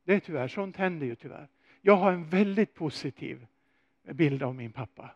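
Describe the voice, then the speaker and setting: A man preaching a sermon, telling a story with animated swings and rhetorical questions. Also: on the high side, dry recording, highs cut off.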